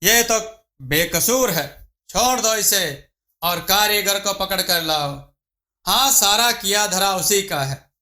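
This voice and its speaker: A man's voice: high voice, animated, slow pace, pushed and bright, exaggerated voice. A man voicing a foolish, bossy king who gives commands, in an echoey room. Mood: commanding.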